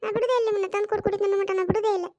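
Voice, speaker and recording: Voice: extremely high pitch, level tone, very fast, darkish tone. A performer voicing an insistent young daughter-in-law in a cartoon, coaxing and pleading with a North Karnataka Kannada accent. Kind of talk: cartoon voice acting.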